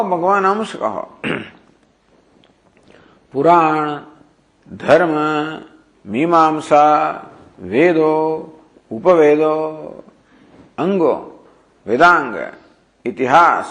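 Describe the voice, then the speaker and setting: Male scripture teacher, slightly higher voice, recites verses, lists terms, poses questions and answers them. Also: fairly bright tone. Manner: recites Sanskrit verses, then explains and lists term by term; asks rhetorical questions and answers them himself. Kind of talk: Gujarati scripture discourse.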